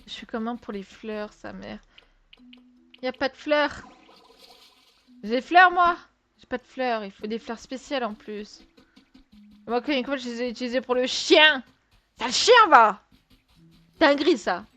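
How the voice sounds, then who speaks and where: A woman's voice: a little high, animated, a little slow, pauses often, sharp tone. A woman giving casual let's-play commentary in French, chatty and exclamatory, talking to her viewers with exasperated asides and sighs. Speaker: gaming video creator.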